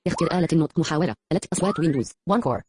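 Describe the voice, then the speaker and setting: Male robotic text-to-speech voice, clipped and mechanical, pitched a touch high. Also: a little mellow, a little hiss or hum. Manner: rapid clipped mechanical reading. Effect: robotic synthetic screen-reader voice.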